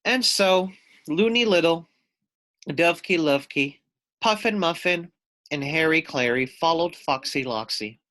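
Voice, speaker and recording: A man reads a storybook aloud the way a teacher would, expressively addressing young listeners and asking them questions. His voice is on the high side, a little slow, and bright with a forceful tone.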